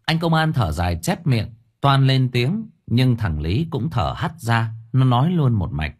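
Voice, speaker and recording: Husky-voiced male storyteller. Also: mid-range voice, measured pace. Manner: lively, expressive storytelling. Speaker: narrator. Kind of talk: storytelling narration.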